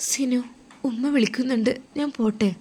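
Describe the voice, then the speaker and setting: A woman voicing a grieving young wife who speaks softly and tearfully in a told story. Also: on the high side, moderate pace, husky, pitched above the performer's own voice. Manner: soft, tearful, hushed. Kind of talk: storytelling role-play.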